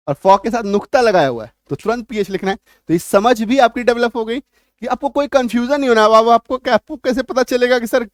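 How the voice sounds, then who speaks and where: A man's voice: extremely high pitch, no room sound, studio quality. A man teaching an English spelling lesson, explaining with everyday examples and checking often that his students follow.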